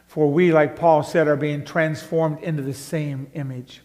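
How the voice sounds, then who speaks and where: A man with a fairly high voice delivers a slow, deliberate sermon in a church. His preaching rises to loud, emphatic peaks and then falls to quiet, hushed endings. A long reverb trails every phrase. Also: fairly even intonation. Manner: slow, measured preaching that swells loud then drops soft. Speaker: pastor.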